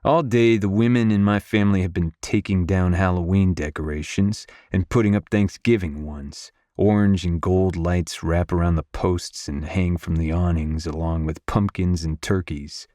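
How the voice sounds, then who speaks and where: A man narrating a romance audiobook in first person, in a gruff, brooding manner on a close studio mic. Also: deep voice, fairly even intonation, normal speed, hardly any pauses, warm tone, no room sound.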